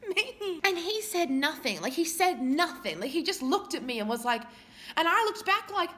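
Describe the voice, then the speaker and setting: A woman's voice: extremely high pitch, sing-song, normal speed, sharp tone. A young woman with a lisp telling a casual storytime vlog, crude, swearing and self-mocking. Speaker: vlogger.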